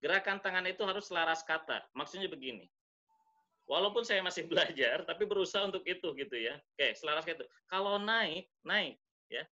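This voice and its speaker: A man teaching public speaking in an online webinar, demonstrating intonation by deliberately swinging his pitch and pace. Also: lively intonation, sharp tone, lo-fi sound. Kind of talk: webinar lesson.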